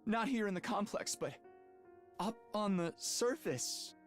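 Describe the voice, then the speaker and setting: A woman's voice: mid-range voice, lively intonation, measured pace, soft background music, close to an everyday voice. A woman playing an earnest, hesitant and weary teenage boy hero in an anime-style game. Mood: confused, dazed.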